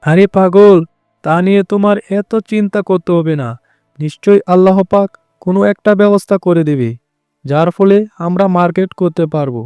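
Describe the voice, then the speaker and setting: A man voicing a good-hearted poor woodcutter fox, a devoted husband, in an earnest, expressive cartoon style. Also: high voice, moderate pace, clear, resonant tone, dry recording, soft background music, lightly acted. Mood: reassuring. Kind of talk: cartoon voice acting.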